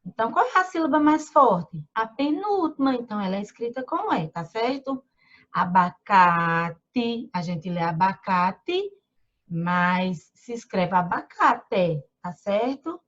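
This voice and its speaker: A woman teaching young children, talking slowly and patiently, stretching out syllables and checking in with frequent tag questions. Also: a little high, big pitch swings, highs cut off. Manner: drawn-out syllables when sounding out words. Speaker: primary school teacher. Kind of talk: online lesson for young children. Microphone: computer mic during screen share.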